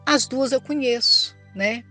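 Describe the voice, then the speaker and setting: A woman's voice: sits high, measured pace, pushed and bright, faint music behind. An older woman giving an earnest, emotional church testimony and speaking to the listener as a brother. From Brazil. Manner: earnest, tearful storytelling, addresses listener as brother.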